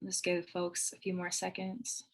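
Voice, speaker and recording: A woman's voice: fairly low pitch, completely flat delivery, a little slow, poor audio. A woman facilitating a live online training over a video call, earnest and loose, with many "like"s and "um"s. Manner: earnest, heavy use of "like" and "um". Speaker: workshop facilitator.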